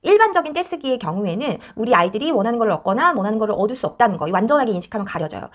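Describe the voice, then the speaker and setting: A woman child counselor explains parenting advice at a quick clip. Her fairly high voice rises and falls a lot, and she acts out the voices she quotes with plenty of energy. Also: big pitch swings.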